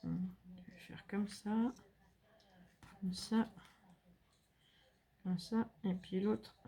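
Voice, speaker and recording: A woman's voice: medium pitch, flat delivery, very slow, creaky, mellow, slightly rough. A woman hosting a casual crafting tutorial, chatting to viewers with many fillers and asides while she works. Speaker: craft channel host.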